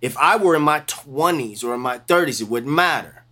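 A man in his forties, a bass player, talking about gigs in an animated, emphatic way, at times teasingly putting on a preacher's cadence. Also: moderate pace. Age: 40s. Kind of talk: casual interview chat.

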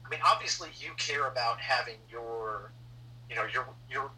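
A man hosts a casual interview, feeling his way through long questions with frequent restarts. His voice is very bright, picked up from a bit away from the mic with faint noise underneath. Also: mid-range voice, moderate pace, far from the mic, poor audio. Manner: rambling, searching questions with many restarts. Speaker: podcast host.

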